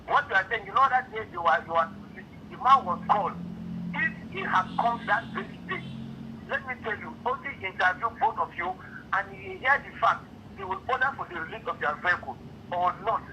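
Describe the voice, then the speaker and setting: A man with a high, sing-song voice speaks fairly quickly over a noisy background, coming through a speakerphone on a clipped phone line. He's an official handling an impounded car, explaining a delay while repeating himself and asking rhetorical questions.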